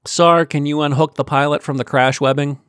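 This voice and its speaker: A man's voice: on the high side, fairly even intonation, a bit bright, clean tone, no echo, studio quality, pitched above the performer's own voice, lightly acted. A man voicing a wry, bossy ship captain. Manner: brisk, sardonic, giving orders.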